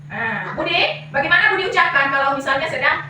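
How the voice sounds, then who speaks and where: A woman's voice: high-pitched, lively intonation, quick pace, bright, forceful tone, slight background noise. Teacher woman talking to young pupils. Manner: coaxing questions to young pupils. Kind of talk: classroom teaching. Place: classroom. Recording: echoey room from far off.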